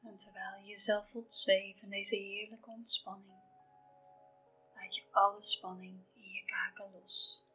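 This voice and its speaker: A woman reading a scripted guided relaxation in a soft, soothing, half-whispered delivery with measured, calming phrasing. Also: medium pitch, husky, rough recording. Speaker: guided relaxation narrator for pregnancy. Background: soft music.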